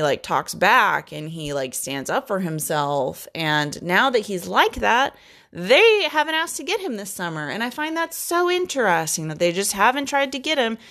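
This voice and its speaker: A woman's voice: mid-range voice, a bit bright. A young adult woman hosting a podcast, venting in a blunt, profane, rambling monologue. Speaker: podcast host.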